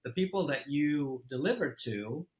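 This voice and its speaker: A middle-aged man from Egypt, a company CEO, telling his story as an interview guest in a relaxed way, with fillers and restarts. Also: medium pitch, moderate pace, low-quality recording.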